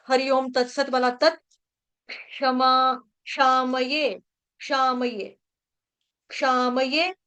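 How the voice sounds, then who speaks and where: A woman teaching Sanskrit verse chanting, patiently repeating syllables and singing lines slowly to show pronunciation. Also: sits high. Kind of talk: recitation lesson, chanting and explaining pronunciation.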